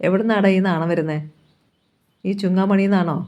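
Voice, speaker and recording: A man's voice: high-pitched, steady tone, normal speed, darkish tone, dull audio, natural voice. A man reading the part of a playful, bossy aunt, teasing and coaxing in his own voice.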